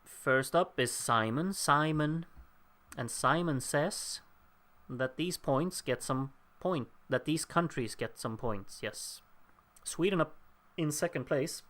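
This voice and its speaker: Losing his voice, which sounds a little worn, a man hosts a live stream where he remarks casually on the voting results and reads viewer names aloud with dry humor. His pitch is fairly high, his tone fairly bright, and he talks slowly.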